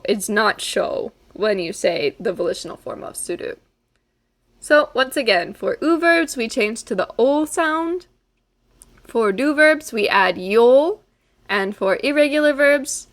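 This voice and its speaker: A woman teaching a recorded language lesson, drilling word forms slowly and carefully with frequent ums. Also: on the high side, expressive.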